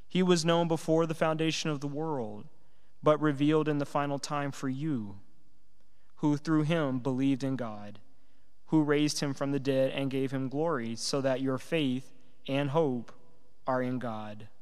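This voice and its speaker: A man reads scripture as a lector at Mass, solemn and measured, from a church lectern. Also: mid-range voice, steady tone, darkish tone, clean tone. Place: large stone church sanctuary, indoors. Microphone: gooseneck microphone at the lectern. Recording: echoing church, long reverb.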